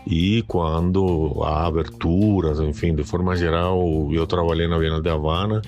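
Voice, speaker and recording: A man from Cuba, a guest speaking slowly and thoughtfully in a casual podcast interview. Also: low voice, steady tone, a little mellow, dull audio, soft background music. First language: Spanish. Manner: slow, measured, thoughtful with pauses. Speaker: podcast guest, art curator.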